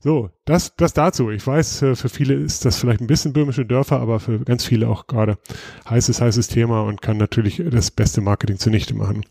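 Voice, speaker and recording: A man hosting a casual podcast, talking through topics at an easy, explanatory pace. His voice is mellow and warm, recorded close and dry with no room sound. He often hesitates and restarts mid-sentence. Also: medium pitch, fairly quick, creaky, few pauses, dry recording. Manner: relaxed, explanatory, many filler sounds and restarts. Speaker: podcast host.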